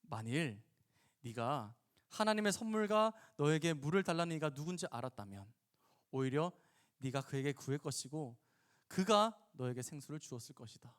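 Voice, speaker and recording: A man voicing Jesus, speaking softly and kindly to a woman. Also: mid-range voice, lively intonation, fairly quick, few pauses, natural voice. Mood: gentle. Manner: soft, kindly.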